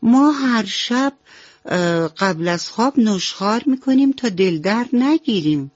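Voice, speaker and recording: A woman's voice: mid-range voice, expressive, dry recording, voice pushed up, lightly acted. A woman voicing a young, innocent, homesick little calf in a radio bedtime story, with a plaintive, childlike way of talking. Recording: slightly dull radio recording.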